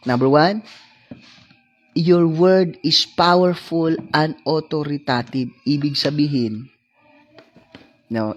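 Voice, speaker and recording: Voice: mid-range voice, slight background noise. A preacher with a Filipino accent giving a sermon, moving between English and local languages and repeating phrases for emphasis. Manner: mixes English with Tagalog and Cebuano.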